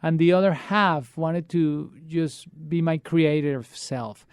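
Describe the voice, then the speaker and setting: A Colombian man, a children's musician, is being interviewed in casual conversation. His voice is a little high and clean, captured in a clean studio with no echo. He speaks earnestly but haltingly, often restarting his sentences.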